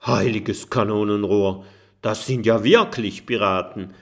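A man voicing a young female porcupine in a children's audiobook, fearful and sharp-tongued. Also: on the low side, steady tone, unhurried. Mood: alarmed.

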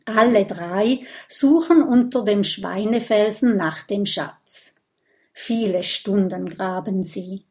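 Slow-reading woman storyteller. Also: medium pitch, a little mellow. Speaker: audiobook narrator. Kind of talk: scripted children's story narration.

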